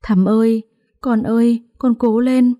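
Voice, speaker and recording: A woman's voice: quick pace, dark tone, no echo, studio quality, lightly acted. A woman voicing an older head wife in a family drama story, wailing and defensive. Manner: wailing, shrill when crying.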